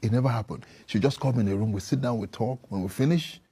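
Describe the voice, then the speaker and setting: A man's voice: mid-range voice, fast talker, dark tone, husky. A man hosting a talk show, emphatic as he tells his own story and quotes himself.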